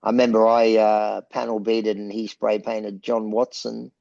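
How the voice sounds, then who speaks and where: A middle-aged Australian man, a rock band frontman being interviewed, telling rambling, animated anecdotes in a gravelly voice. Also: lowish voice, moderate pace, dry recording, highs cut off. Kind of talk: casual storytelling.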